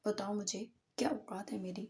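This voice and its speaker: A woman's voice: mid-range voice, steady tone, normal speed, darkish tone, slightly rough. A woman voicing a playful, stubborn young man in an audiobook, coaxing and teasing. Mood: mocking.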